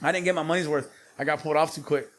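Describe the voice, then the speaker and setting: A man's voice: a little high, steady tone, rapid-fire. A man telling personal stories as a podcast guest, blunt and slangy, swearing freely. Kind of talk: casual personal storytelling.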